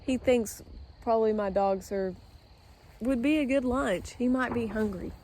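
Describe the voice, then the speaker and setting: A woman's voice: fairly high pitch, unhurried, warm tone, slight background noise. A woman talking casually to her viewers while out of doors, rambling with many fillers and restarts. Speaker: vlogger. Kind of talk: casual outdoor vlog talk. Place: outdoors with trees and her dogs.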